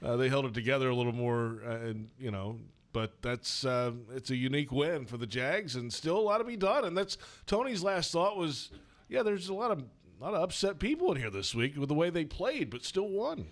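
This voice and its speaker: A man's voice: a little high, expressive, brisk. A man hosting a sports radio show in a casual conversational style.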